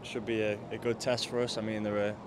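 A footballer talks outdoors in a lowish, flat voice, stumbling over and repeating words. Loud traffic and car noise fill the background. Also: male voice. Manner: halting, many repeated words. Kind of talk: interview.

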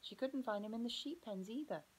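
A woman preschool teacher gently reading a picture book aloud to children and asking them questions about the pages. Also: a little high, fairly quick, slightly rough, low-quality recording.

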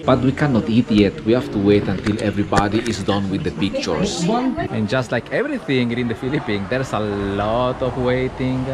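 A man in his thirties vlogging on an open-air restaurant terrace, talking into an action camera held at arm's length with wry, deadpan asides. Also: fairly low pitch, brisk, over a noisy crowd. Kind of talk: casual vlog narration.

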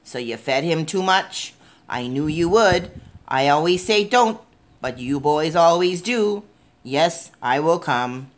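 A knowing, exasperated man read by a woman in a children's storybook. He is resigned and mildly scolding yet helpful, with a lively rise and fall. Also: sits low, slow pace. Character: knowing, exasperated but helpful fish-seller man, Mister Carp.

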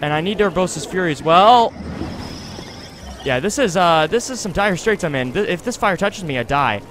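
A let's play host rambles as he talks himself through the action, giving casual gameplay commentary into a close desktop USB microphone. His voice sits high, expressive and fairly bright at a normal speed, with game music and a little hiss or hum.

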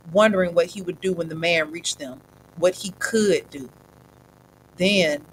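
A woman narrating a suspenseful story aloud in a steady, dramatic reading voice. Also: fairly low pitch, slight background noise, poor audio.

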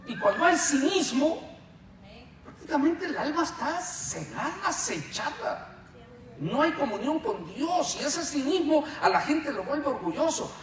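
High-voiced pastor preaching in an echoey hall. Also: male voice, fairly bright tone. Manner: preaching with rhetorical questions and acted quotes. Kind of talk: sermon. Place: church hall. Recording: very echoey hall, distant mic, faint hiss.

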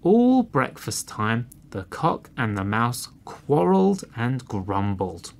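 Slow, lively male storyteller. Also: mid-range voice. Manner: slow and expressive, clearly read for learners. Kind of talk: storybook reading.

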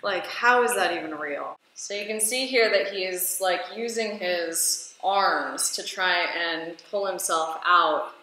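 A woman's voice: fairly low pitch, unhurried, hardly any pauses, slight background noise. Woman chatting in a very echoey room. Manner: animated, chatty, explains with laughs. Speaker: scuba diving instructor. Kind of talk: casual reaction commentary. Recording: very echoey room, faint ambience.

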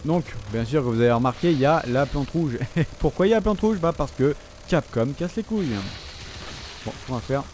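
A man's voice: fairly high pitch, animated, fairly quick, a little mellow, slight background noise. A man giving casual gameplay commentary, chatting loosely, swearing often and talking to the enemies on screen. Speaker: gaming channel host.

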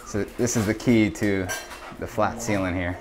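A builder wearing a head-mounted action camera walks through bare rooms at an indoor renovation site, casually explaining construction details as he points them out. His voice is lowish and steady at a moderate pace, over a noisy background.

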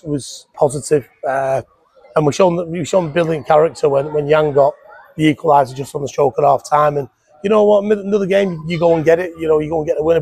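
A man, a football manager giving an animated post-match interview on a headset mic in a stadium press box. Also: a little high, husky, no room sound. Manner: animated, repeats words when fired up.

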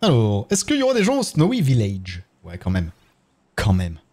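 Lively French-accented male streamer. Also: on the low side, normal speed. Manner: chatty, thanks viewers one by one while playing. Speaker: game streamer. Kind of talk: casual live-stream chat.

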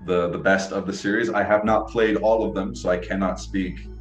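With a deep, steady voice at normal speed, a young man hosts a casual video-call interview using earbuds. He rambles keenly and often begins sentences again, and the small indoor room sounds echoey, with faint music in the background.

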